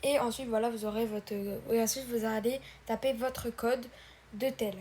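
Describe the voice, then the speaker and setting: Stumbling, chatty tutorial voice, higher pitch. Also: female voice, fairly even intonation, moderate pace, a little mellow, a little hiss or hum. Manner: hesitant, stumbling, many filler words; addresses viewers as "guys" and "brothers". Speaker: tutorial host. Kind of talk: casual screen-recorded tutorial.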